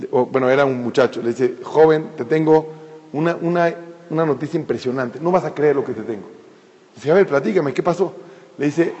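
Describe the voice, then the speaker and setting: A man tells a sermon story in a somewhat high voice, animated and talking straight to his listeners. The sound is dull and lo-fi, with a long reverb from the hall.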